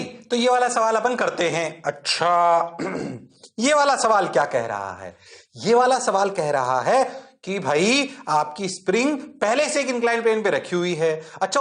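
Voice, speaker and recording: A man teaching physics in a lively, jokey way, constantly checking that the class is following and sometimes answering his own questions in a low student voice. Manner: jokey and self-mocking. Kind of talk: online exam-prep lecture.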